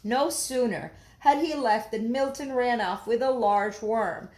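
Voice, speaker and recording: Slow, higher-voiced woman reading a storybook. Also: a little mellow. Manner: deliberate, explaining words to children. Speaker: read-aloud teacher. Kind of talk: expressive children's storybook read-aloud.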